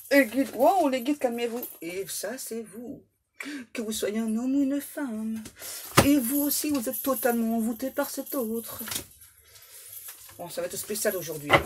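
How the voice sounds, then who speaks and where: A woman's voice: fairly high pitch, slight background noise. A woman tarot medium giving a casual reading, playful and slangy, with joking asides to her spirit guides.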